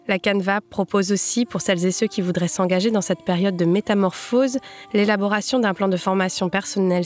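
A woman hosting a podcast, introducing an association and then reading poems aloud in a measured, expressive way. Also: fairly low pitch. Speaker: podcast host.

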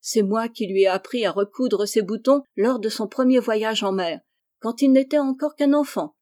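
A gentle, elderly spinster aunt from a classic storybook, as a woman reader puts her on. She answers calmly and matter-of-factly, fond of her family. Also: on the high side, normal speed, dry recording, clean studio sound, lightly acted.

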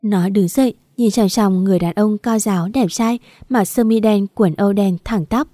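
A woman narrating an audiobook story, steady and even. Her tone is warm and mellow. The recording is dry and close. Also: medium pitch, moderate pace, dry recording.

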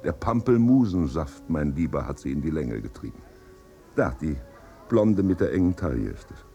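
An actor playing a worldly, ironic gentleman in a 1950s radio drama, with a dry, wry manner. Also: a bass voice, big pitch swings, moderate pace, faint music behind, exaggerated voice.

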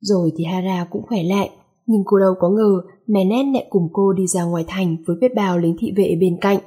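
A woman reading a romance story aloud in a steady, even narrating voice. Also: mid-range voice, a little fast, slightly rough.

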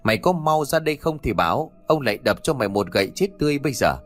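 A man's voice: medium pitch, expressive, a little fast, breathy edge. A man playing a coarse village duck farmer who talks bluntly and brusquely. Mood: angry.

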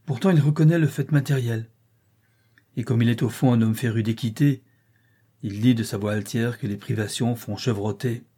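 Male audiobook narrator, husky, dark, measured delivery. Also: mid-range voice. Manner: measured, dramatic reading.

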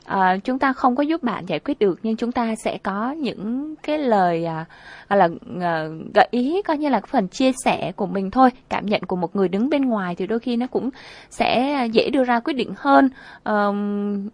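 A woman's voice: mid-range voice, animated, moderate pace, no echo. A woman co-hosting a radio advice show, talking earnestly and conversationally about relationships, repeating phrases for emphasis.

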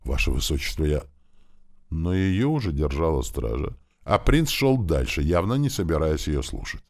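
Very deep-voiced male audiobook narrator. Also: very animated, normal speed, darkish tone.

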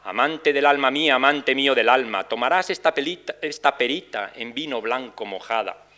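A middle-aged man giving an academic lecture, reading out quoted ballad verses in a slower, measured cadence. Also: mid-range voice, sharp tone. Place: lecture hall.

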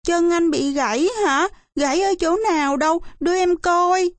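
A woman's voice: normal speed, no echo. Woman doing a whiny little girl. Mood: worried. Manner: high childish whine. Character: timid, pleading little girl.

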